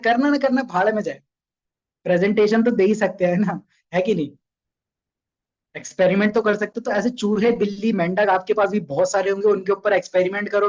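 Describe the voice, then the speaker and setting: Young man, sales trainer, high voice, chatty, coaxing, dull lo-fi stream audio. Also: darkish tone. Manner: chatty, coaxing, asks the audience questions. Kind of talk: casual online training session.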